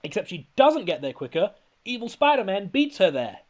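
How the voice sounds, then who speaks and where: A man's voice: sits high, big pitch swings, moderate pace. A man hosting a podcast, rambling and laughing as he recaps a film in casual comedic chat. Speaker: podcast host.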